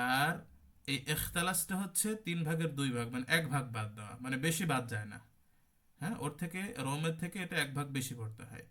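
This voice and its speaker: A man's voice: fairly high pitch, a bit bright. A man with a Bangladeshi Bengali accent teaching an online Quran recitation class. He explains patiently, repeats terms and demonstrates how words are recited.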